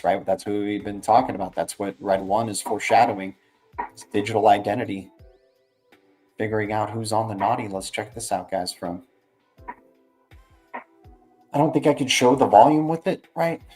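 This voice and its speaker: Music plays behind a low-pitched, darkish-toned man giving casual market commentary on his livestream. As host he rambles in slang, frequently closing phrases with "right" or "man."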